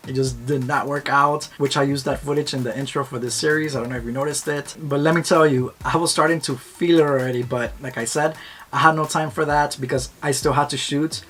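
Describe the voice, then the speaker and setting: A man's voice: mid-range voice, fairly even intonation, fairly quick, a little hiss or hum. A man narrating his vlog in a casual, upbeat and heartfelt way, often talking about trusting his heart. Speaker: vlogger. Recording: voice-over with loud music behind.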